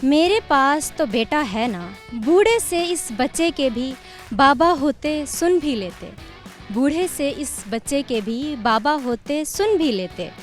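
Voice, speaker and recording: A young woman student with a high voice speaks slowly and deliberately. She recites verse in a measured, expressive way. Faint music sits under her voice. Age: young adult. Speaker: university student, interviewee. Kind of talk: interview answers and poem recitation.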